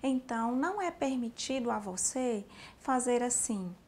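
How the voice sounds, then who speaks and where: A woman teaching a sign language class, explaining each sign slowly and speaking straight to the learner. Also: fairly high pitch, animated, darkish tone. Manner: slow, explanatory, addressing the learner directly. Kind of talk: spoken instruction for a sign language lesson.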